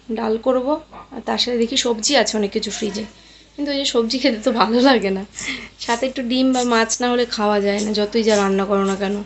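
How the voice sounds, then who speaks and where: Mom vlogger rattling thru her day, talks quick, kinda high voice, chatty and rambly, talks right to the viewers. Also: slight background noise. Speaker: mother and home vlogger. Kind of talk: casual voice-over narration of a daily routine.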